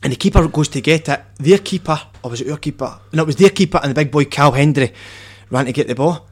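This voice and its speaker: A man with a west of Scotland accent telling casual stories in animated, sweary, matey banter. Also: fairly high pitch, quick pace. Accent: Scottish, west central. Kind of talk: casual storytelling chat.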